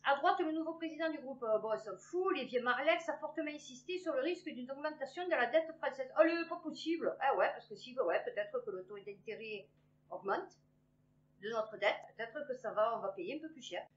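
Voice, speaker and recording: A woman's voice: sits high, expressive, brisk. A woman in her fifties reads news headlines and comments on them in a rambling, sarcastic way, with many fillers. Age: 50s. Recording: dull lo-fi recording.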